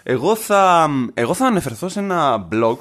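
A man's voice: fairly high pitch, big pitch swings, a bit bright. A young man from northern Greece co-hosting a podcast in casual chat, teasing and often restarting his sentences. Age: young adult. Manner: chatty, teasing, trails off and restarts. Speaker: podcast co-host.

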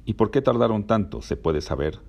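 A man's voice: lowish voice, expressive, fairly quick, a little mellow, highs cut off, pitched above the performer's own voice. A man voicing a reproachful, nosy teenage girl, in a storybook reading. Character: sharp-tongued teenage Mexican girl.

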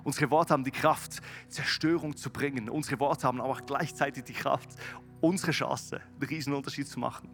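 A man preaching a sermon to his congregation and leading a closing prayer. He moves between quiet, low passages and loud, emphatic rises, speaks straight to his listeners and slips English words into his German. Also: fairly even intonation, brisk, faint music behind. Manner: addresses listeners directly and calls out to the congregation. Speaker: pastor. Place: church service, streamed to several sites.

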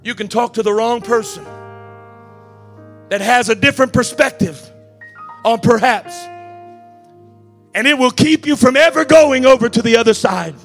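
A man preaching a Pentecostal-style church sermon in an impassioned, declamatory way, often shouting and repeating phrases for emphasis. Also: extremely high pitch, moderate pace, pauses often, soft background music. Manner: emphatic repetition for effect.

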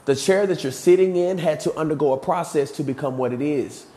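A man's voice: a little high, a little fast, warm tone. A man hosting a motivational podcast on leadership, a bit out of breath, talking earnestly in a repetitive preaching cadence with fillers. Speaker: podcast host and motivational coach.

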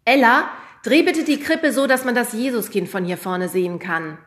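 A woman's voice: fairly high pitch, normal speed, echoey room, voice pushed up, natural voice. A woman voicing a harried male schoolteacher who scolds the children during a nativity rehearsal, in a storybook reading. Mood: instructing. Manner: loud, scolding calls.

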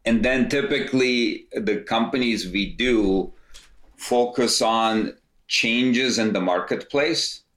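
A man's voice: medium pitch, slow, fairly bright tone. A man in his fifties from Turkey, a company founder explaining his background as a guest in a casual interview, often restarting his phrases. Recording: roomy echo.

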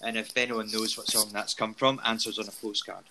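A man's voice: on the low side, level tone, a little fast, very noisy. A Scottish man co-hosting a show in a jokey, upbeat casual chat. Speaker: podcast co-host.

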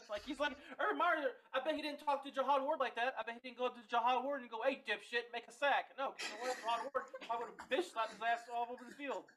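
A man's voice: very high voice, quick pace, pushed and bright, slight background noise, low-quality recording. A young man co-hosting a sports podcast, talking bluntly with slang and casual swearing. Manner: blunt, slangy, cursing freely. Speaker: podcast co-host.

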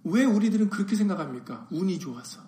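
High-voiced man preaching a sermon. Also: lively intonation, fast, warm tone, echoey room, a little hiss or hum. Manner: rhetorical questions, acted-out quotes. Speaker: pastor.

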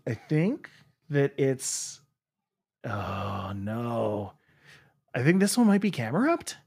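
A young man talks through a quiz in a relaxed, playful way, second-guessing himself as he goes. His pitch swings widely, and he sometimes imitates sounds. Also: slow, vocal fry, husky. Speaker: quiz player. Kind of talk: casual chat.

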